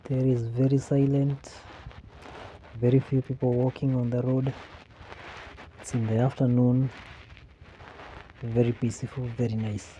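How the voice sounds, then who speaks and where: A man with a Kenyan accent narrating a casual walking vlog in an unhurried way, often repeating phrases for emphasis. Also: medium pitch, dark tone, poor audio. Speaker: vlogger. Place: outdoors on a quiet street. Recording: outdoor ambient noise.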